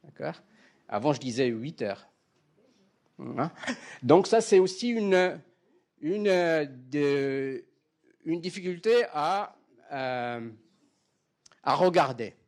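Guy lecturing a class, voice jumps up and down a lot, kinda high for a man. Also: lively intonation, slow pace, pauses often, darkish tone. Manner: checks in often with the class, demonstrates sounds aloud.

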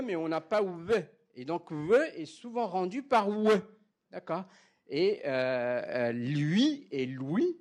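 Lively male lecturer with a background. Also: fairly high pitch. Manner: checks in often with the class, demonstrates sounds aloud. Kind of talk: classroom lecture on phonology.

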